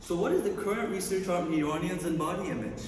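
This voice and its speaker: A young Iranian man with a high voice speaks fast while giving a conference talk as a student researcher, staying upbeat and tossing in playful asides between slide points. He's in a large lecture hall, and the recording echoes, with a distant mic and slight background noise.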